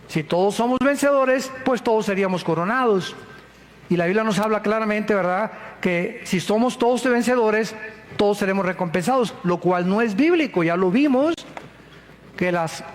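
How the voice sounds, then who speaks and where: A pastor with a Mexican Spanish accent preaching a sermon. He is emphatic and folksy, asks his listeners rhetorical questions and swings from soft low asides to sudden loud outbursts. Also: moderate pace.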